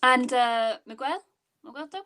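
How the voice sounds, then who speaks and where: A woman's voice: sits high, unhurried, bright, forceful tone. A woman hosting a casual live interview over a video call, speaking conversationally. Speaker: host.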